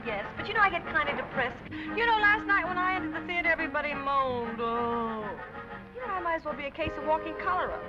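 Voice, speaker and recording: A woman's voice: sits high, expressive, fast talker. An American actress playing a naive, wistful small-town young woman in 1930s screwball comedy film banter, speaking earnestly. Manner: earnest, ingenuous. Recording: dull 1930s film soundtrack, loud music behind.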